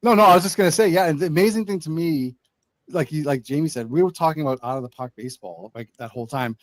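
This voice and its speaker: A man on a podcast telling a long, animated story with many restarts and acted quotes. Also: a little high, fast talker, dry recording. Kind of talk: casual chat.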